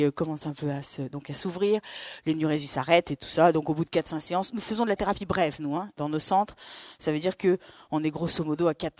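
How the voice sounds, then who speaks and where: A middle-aged woman from France, a therapist, telling lively stories to an audience and acting out the dialogue. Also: fairly low pitch, dry recording, studio quality. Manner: lively, acts out dialogue with quick asides. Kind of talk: storytelling talk to an audience.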